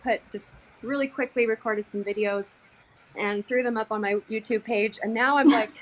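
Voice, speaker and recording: A woman's voice: on the high side, steady tone, normal speed, poor audio. A woman attendee joining a live video-call Q&A, asking a question in a self-deprecating way. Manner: self-deprecating, laughs at herself. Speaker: attendee of the online training.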